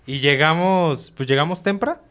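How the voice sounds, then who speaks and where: A man's voice: a little high, normal speed. A young man from Mexico with a Mexican Spanish accent, telling stories in casual chat and acting out the people in them. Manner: animated storyteller, acts out quoted people, laughs often.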